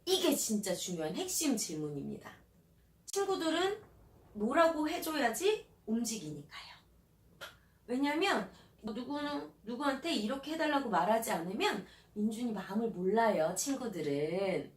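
A woman child counselor giving parenting advice in an animated way, often acting out the questions she would ask a child. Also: a little high, moderate pace. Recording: roomy, distant mic, faint hiss.

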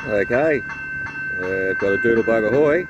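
A man's voice: medium pitch, lively intonation, moderate pace, highs cut off, very noisy. A man vlogging casually at a railway line outdoors in the rain, talking in a laid-back, chatty way into a handheld camera. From Australia. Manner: laid-back, chatty, sings a snatch of song. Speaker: train-spotting vlogger.

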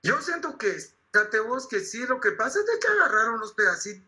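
In a poorly recorded clip, a man with a Guatemalan accent and a very high, sing-song voice speaks fairly quickly in a bright, forceful tone. He's an interviewee and one of the film's actors, delivering a crude comedic rant heavy with slang, profanity and rambling asides, and he keeps saying "vos".

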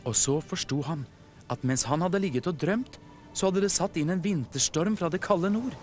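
A man from Norway narrating a children's TV story in an animated storytelling way. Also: fairly high pitch. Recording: music playing behind.

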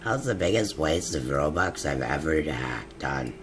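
A man hosting a game role-play, joking loudly and laughing as he plays. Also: extremely low pitch, animated, measured pace. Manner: loud, laughing, joking outbursts. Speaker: gamer host.

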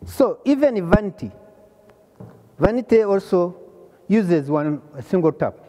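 An older man from Rwanda giving a hands-on plumbing lesson, pausing often and repeating phrases as he shows the parts. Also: high-pitched, big pitch swings, dark tone, big-room sound, dull audio. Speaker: plumbing instructor. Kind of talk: slow hands-on trade lesson. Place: large workshop hall.

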